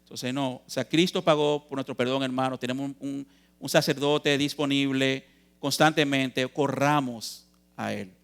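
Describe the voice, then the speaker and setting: A man's voice: mid-range voice, fairly even intonation, moderate pace, vocal fry, clear, resonant tone. A man preaching a youth sermon in a church, earnest and emphatic, posing questions and answering them, calling his listeners brothers.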